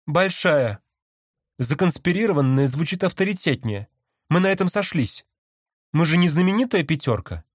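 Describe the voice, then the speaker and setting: In an audiobook, a man voices an insistent, indignant young woman activist, pitching himself above his own natural voice. The delivery is a little high with lively intonation at a moderate pace, recorded dry with studio quality.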